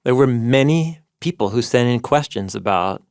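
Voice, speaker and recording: A man's voice: mid-range voice, animated, moderate pace, a little mellow, no echo, studio quality. A man co-hosting a podcast, explaining old texts and word meanings with scholarly enthusiasm. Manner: enthusiastic scholarly explaining, citing ancient sources. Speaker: podcast co-host, Bible teacher.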